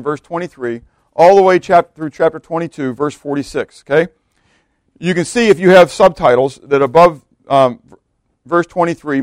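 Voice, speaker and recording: A man preaching an expository sermon in a conversational way. He keeps checking in with "okay?" and "right?" and often drops to a hushed, low voice for emphasis. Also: dry recording. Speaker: pastor.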